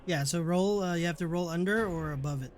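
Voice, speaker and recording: High-voiced man as game master. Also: soft background music. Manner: rambling, halting descriptions full of fillers. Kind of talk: running a tabletop horror game.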